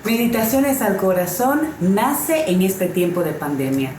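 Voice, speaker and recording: A woman hosting a women's devotional series, giving a scripted welcome in a gentle, measured, sincere way. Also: medium pitch, echoey room, a little hiss or hum, rough recording.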